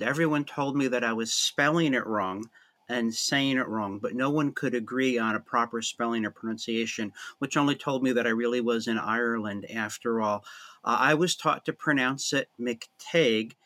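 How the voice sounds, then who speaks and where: A man, a priest and author, answering interview questions with animated wit. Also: mid-range voice, fairly quick. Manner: animated, witty, storytelling. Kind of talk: conversational interview.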